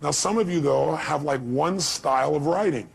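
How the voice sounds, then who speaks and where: A man giving a motivational seminar talk, animated and acting out the voices he quotes, sometimes shouting. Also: a little high, normal speed, creaky, slightly rough. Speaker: motivational speaker.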